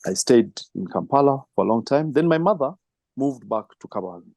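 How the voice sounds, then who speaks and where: A middle-aged man answering interview questions, reflective and storytelling, with soft laughs. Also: medium pitch, expressive, brisk, creaky, no echo. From Kenya. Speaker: filmmaker and film trainer.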